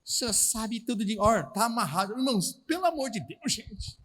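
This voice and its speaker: A Brazilian man preaches to a retreat crowd in a very high, ringing voice, with long reverb from the hall around him. He is animated and keeps calling to his listeners as brothers. He drops into slangy everyday voices to act out Bible scenes. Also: moderate pace. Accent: Brazilian Portuguese. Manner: calls out to the audience, repeating "irmãos". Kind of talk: charismatic sermon.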